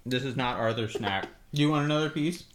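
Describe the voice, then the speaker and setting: A man's voice: mid-range voice, a little fast, a crowd in the background. A middle-aged man hosting a casual snack-tasting video with his kids, chatty and upbeat, laughing often and coaxing them along.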